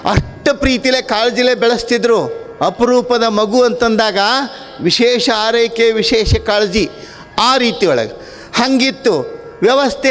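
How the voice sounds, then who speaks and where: A man giving a storytelling sermon, acting out the characters' lines in an animated way. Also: very high voice. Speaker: swami giving a religious discourse. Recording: long hall reverb with faint music.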